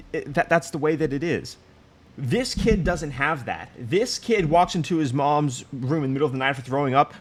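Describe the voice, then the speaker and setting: Male commentator, scornful and wry, mid-range voice. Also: medium pitch. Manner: mocking, laughs at clip, acts out quoted voices. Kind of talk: reaction commentary.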